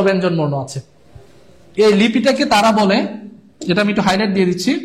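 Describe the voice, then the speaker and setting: High-voiced man drilling facts. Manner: repetitive, drilling key terms and checking in with viewers. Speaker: online exam tutor. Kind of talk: live-streamed lesson.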